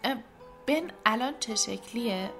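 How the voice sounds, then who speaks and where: A woman voicing a grieving, stubborn little girl in a storybook, crying out higher and louder than her narration. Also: lively intonation, faint music behind. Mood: wondering.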